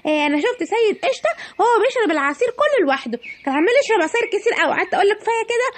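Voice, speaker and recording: A woman's voice: very high-pitched, big pitch swings, rapid-fire. A woman with an Egyptian accent voicing a greedy, cheeky young male thief in a children's cartoon, pleading innocence. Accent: Egyptian Arabic.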